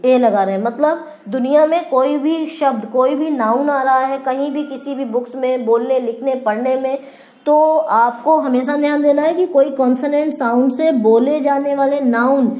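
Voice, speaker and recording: A woman's voice: high-pitched, normal speed, highs cut off. A woman with an Indian accent teaching English grammar in Hindi, asking questions and answering them herself. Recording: echoey room with faint ambience.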